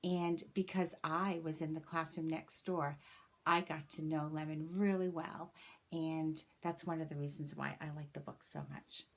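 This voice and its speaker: A deep-voiced woman reads a children's picture book aloud, sounding like a teacher. She is expressive and deliberate in her phrasing and slips in personal asides meant for young listeners.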